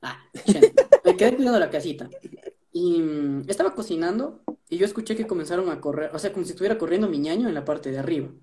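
A man with an Ecuadorian accent, telling stories in an animated casual chat, restarting his sentences often. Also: a little high, fast talker, a little hiss or hum. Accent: Ecuadorian Spanish. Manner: animated storytelling, many restarts.

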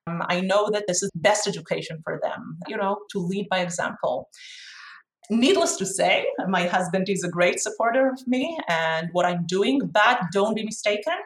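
Speaking at a moderate pace in a medium-pitched voice, an Israeli woman who runs a company gives candid answers in an interview. Her words bounce around an echoey space that makes the audio sound roomy.

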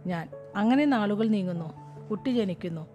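A woman narrating a humorous short story in a steady, wry storytelling manner. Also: mid-range voice, moderate pace, dull audio. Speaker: story reader. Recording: music playing behind.

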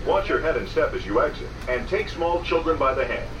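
A man giving polite, measured, prerecorded monorail announcements played over a train loudspeaker. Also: on the high side, sing-song. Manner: polite, measured, scripted delivery. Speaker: recorded transit announcer. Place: inside a moving monorail car. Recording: echoey loudspeaker heard from a distance, noisy.

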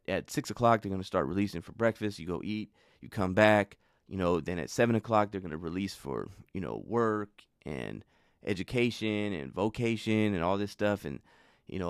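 A man with a fairly low voice talks in a loose storytelling way, padding his sentences with fillers. He grows animated when he recounts something that annoyed him. The recording is dry, with little room sound. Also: no echo. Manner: rambling, filler-heavy, conversational. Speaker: show host. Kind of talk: casual storytelling talk.

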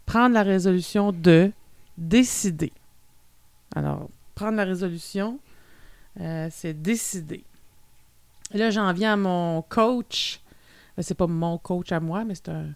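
A Québécois woman co-hosts a casual podcast, reading out definitions and chatting around them with plenty of fillers. Her voice sits on the low side with a gravelly edge, and the recording is dry and close. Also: takes it slowly, long pauses, no echo. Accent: Québécois French. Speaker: podcast co-host. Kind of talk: casual chat.

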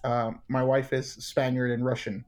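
A young adult man from New York, a worship musician guest telling stories in an animated, chatty way. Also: medium pitch, moderate pace. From United States, New York. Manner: animated storyteller, acts out quotes. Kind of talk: casual interview chat.

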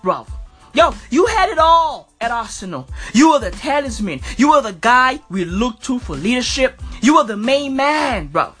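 A man hosting a sports podcast in an animated, taunting fan rant, full of slang and repeated phrases for emphasis. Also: very high voice, breathy edge. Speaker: podcast host.

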